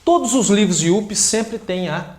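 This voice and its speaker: A man with a Brazilian Portuguese accent explains his teaching method in a high voice, hitting the stressed syllables hard. The sound is roomy and echoey. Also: expressive, a little slow, a little mellow. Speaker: English teacher.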